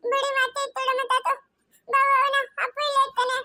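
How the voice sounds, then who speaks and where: A woman's voice: very high voice, completely flat delivery, quick pace. A woman voicing a sick, clingy little girl who whimpers and pleads to be carried, in a family moral drama. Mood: whiny tearful.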